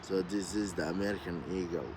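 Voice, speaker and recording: A man's voice: sits low, fairly even intonation, a little fast, noisy background. A man from Somalia talking to his viewers in a loose, rambling vlog, repeating himself and asking "you know what I mean". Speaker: vlogger. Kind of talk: casual rambling monologue.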